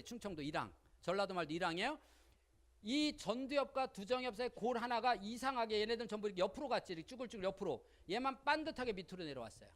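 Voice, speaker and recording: A woman giving a lively seminar lecture on parenting, speaking colloquially, often asking the audience questions and acting out little quotes. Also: a little high. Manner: colloquial, with frequent rhetorical questions and acted-out quotes.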